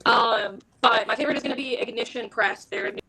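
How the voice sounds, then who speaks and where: A woman's voice: fairly high pitch, fast talker, a loud crowd. A woman joining a casual panel chat remotely, her voice coming through a crackly, staticky call line.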